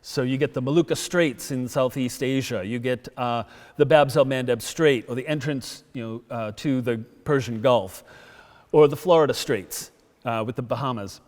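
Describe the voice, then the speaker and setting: A man's voice: mid-range voice, moderate pace. Storytelling man lecturing in a reverberant hall. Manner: lively storytelling, acts out quotes. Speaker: guest lecturer. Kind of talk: public history lecture. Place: town hall.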